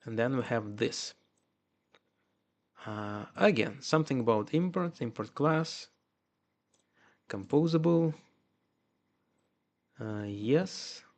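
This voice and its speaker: A man with a Russian accent talks through a live coding stream, half to his viewers and half to himself. His delivery is slow and halting, with a gravelly edge and frequent restarts. He sits mid-range in pitch. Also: expressive.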